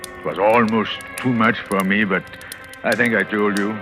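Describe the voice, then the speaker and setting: In an old radio recording backed by dramatic music, a man with a lowish, fairly even voice speaks at a moderate pace, sounding natural. He's an actor in a 1940s radio thriller, playing a scheming, self-assured husband who confesses his own crime in first-person narration. His delivery is theatrical and intense, brooding and smug.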